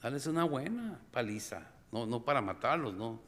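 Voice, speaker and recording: A middle-aged man preaching a sermon as pastor, animated, acting out scenes with sudden cries and calling the congregation brothers and sisters. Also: medium pitch, normal speed. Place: church sanctuary. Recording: long reverb of a church hall.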